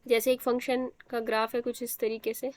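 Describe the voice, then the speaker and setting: A woman's voice: on the high side, little pitch movement, moderate pace, dry recording. Woman teaching math, dry close sound. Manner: explains step by step, quizzing students with questions. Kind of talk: live online math class.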